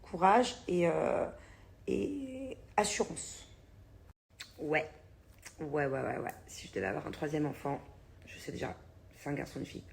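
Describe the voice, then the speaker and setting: Chatty woman in her thirties, low voice. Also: moderate pace, creaky. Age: 30s. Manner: chatty, blunt, swears casually, laughs often. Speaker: vlogger. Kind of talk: casual chat vlog.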